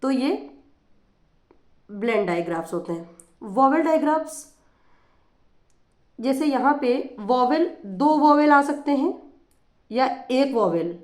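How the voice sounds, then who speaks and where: A woman's voice: sits high, darkish tone, roomy sound. A woman teacher explaining phonics in a patient lesson, repeating examples as she goes.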